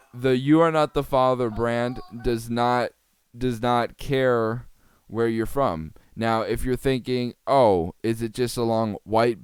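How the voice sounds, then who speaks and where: A man's voice: medium pitch, clean tone, no room sound. A man hosting a podcast, giving sarcastic, rambling comedic commentary on a TV clip and laughing often. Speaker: podcast host.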